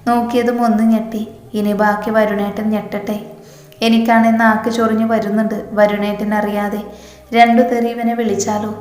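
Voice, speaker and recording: A woman's voice: mid-range voice, level tone, normal speed, darkish tone. A woman narrating a first-person romance story in a chatty, humorous way. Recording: roomy recording with long reverb.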